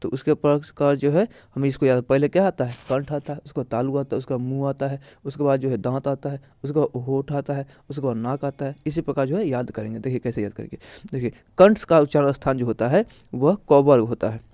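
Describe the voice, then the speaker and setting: A man's voice: mid-range voice, brisk, hardly any pauses, dark tone, dry recording. A man teaching a grammar lesson, explaining step by step in a repetitive way, often asking and answering his own questions. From India.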